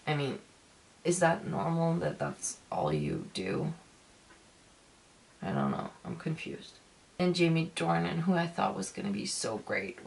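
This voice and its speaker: A woman with a low, gravelly voice talks to her viewers in a casual review. She rants with heavy emphasis, stopping and starting and repeating herself to drive things home. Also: low-quality recording. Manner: emphatic, repetitive, halting ranting. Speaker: film reviewer.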